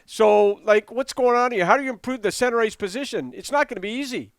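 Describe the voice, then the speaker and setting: Sports radio host guy, high clean voice, rambles through his questions, dry sound. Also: quick pace, no room sound.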